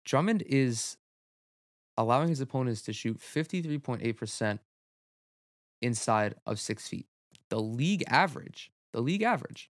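A man's voice: medium pitch, dry recording, studio quality. A young man hosting a solo sports podcast, talking loosely with lots of fillers and casual swearing. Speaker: podcast host.

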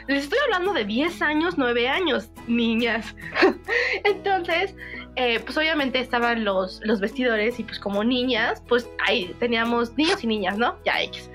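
A young woman with a Mexican Spanish accent, telling stories in an animated, laughing casual chat. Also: sits high. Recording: faint background music.

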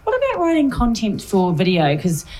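A woman's voice: mid-range voice, huge pitch swings, normal speed, over a noisy crowd. A woman with a broad New Zealand accent hosting a radio talk show in a chatty, informal way. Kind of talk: casual interview chat.

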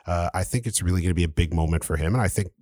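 A man co-hosting a sports podcast, giving measured analysis with dry humor. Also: sits low, mellow, no room sound.

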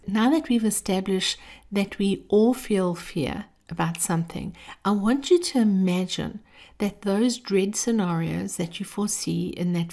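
A woman hosting a motivational podcast, speaking in a reflective monologue with gentle, deliberate, measured phrasing and a creaky voice. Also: mid-range voice. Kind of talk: reflective guided encouragement monologue.

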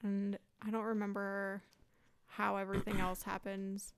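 A woman's voice: mid-range voice, monotone, a little slow, clear, resonant tone. A woman co-hosting a podcast, chatting casually about a movie in a wry, teasing, plain-spoken way. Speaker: podcast co-host.

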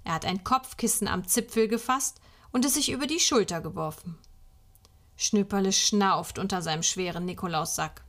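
A woman reading a children's Advent story aloud in slow, clear storytelling. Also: medium pitch, a bit bright.

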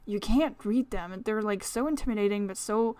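A woman's voice: mid-range voice, moderate pace, a little mellow, smooth, no room sound. A woman with a French accent hosting a casual solo podcast, talking in a rambling, chatty way full of fillers. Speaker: astrology podcast host.

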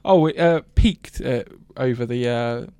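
A man's voice: medium pitch, a little slow, clear, resonant tone, dry recording. Chatty young man. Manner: animated storytelling, laughing. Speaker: co-host. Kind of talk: casual chat.

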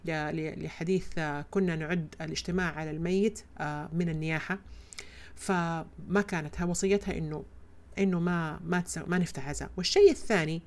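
A woman hosting a podcast, telling a personal story in an expressive, emphatic way. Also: low voice, fairly quick. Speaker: podcast host. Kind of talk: personal reflective podcast talk.

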